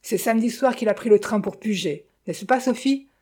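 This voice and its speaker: A sharp-tongued middle-aged widow, voiced by a woman reading a storybook, her voice pitched up and pushed with complaint. She scolds and frets, grasping and bitter at once. The delivery rises into a shrill, needling register. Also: expressive, normal speed, slightly rough. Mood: fretful. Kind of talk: audiobook character voice.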